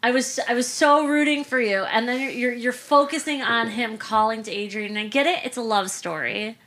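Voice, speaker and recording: A woman's voice: on the high side, brisk, a bit bright. A woman co-hosting a casual film podcast, talking animatedly and acting out movie lines. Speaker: podcast co-host.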